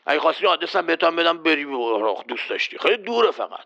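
A performer voicing a gruff, boastful man in a children's quiz skit, bossy and quick to threaten the host. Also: medium pitch, big pitch swings, bright, forceful tone, muffled recording, exaggerated voice. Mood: cocky. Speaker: quiz contestant.

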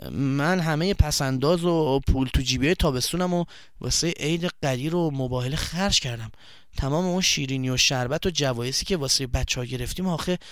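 A man voicing a shy, embarrassed boy who speaks softly and hesitantly, with halting stammers. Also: mid-range voice, dry recording, clean studio sound, voice pushed down, natural voice. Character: shy, embarrassed young boy, soft-spoken.

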